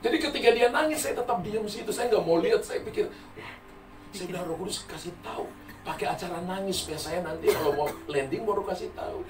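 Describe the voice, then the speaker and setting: A high-voiced man preaches to his congregation and keeps breaking into laughter at his own stories. He is heard from a distance in an echoing church hall, with music playing beneath his words. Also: quick pace. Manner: humorous storytelling, laughing often. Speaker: pastor. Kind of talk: sermon. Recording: roomy echo from far mic, music.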